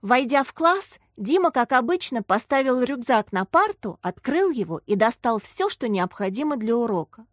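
A woman narrating a children's book in a clear, expressive reading. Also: on the high side, moderate pace, few pauses, no echo, studio quality. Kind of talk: scripted audiobook narration.

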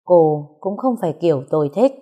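A cold young husband in an audio story, read by a woman in her own low voice speaks in short, flat, unemotional sentences. There is no warmth in the delivery. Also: a little fast, muffled recording.

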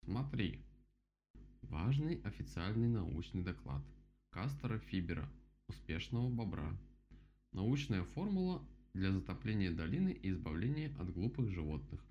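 A man voicing a calm, smug male beaver who talks in a slow, offhand, matter-of-fact way in a storybook. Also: low-pitched. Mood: explaining. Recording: dull lo-fi with faint hum.

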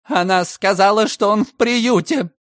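A man voicing an indignant older woman who runs a boarding house, her lines shrill and wailing. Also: measured pace, fairly bright tone, dry recording, clean studio sound. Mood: shaken.

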